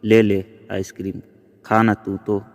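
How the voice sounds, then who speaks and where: A man's voice: fairly low pitch, little pitch movement, slow pace. A man voicing a feisty, bold young woman who talks brashly and scolds. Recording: long reverb.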